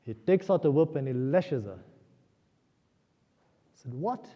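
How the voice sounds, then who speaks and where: A man giving an earnest spiritual talk in a temple hall and leading the audience to repeat words after him. His voice is very dark and mellow, at a middling pitch. The sound is dull and lo-fi, with a long reverb from the hall. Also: animated, slow pace. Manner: earnest, has listeners repeat key words aloud. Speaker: guest speaker at a temple. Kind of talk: spiritual discourse with storytelling.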